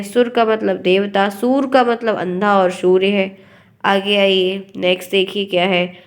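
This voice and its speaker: Hindi woman teacher drilling pronunciation. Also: on the high side. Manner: explains and repeats words to stress correct pronunciation. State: unwell. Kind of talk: online exam-prep lesson.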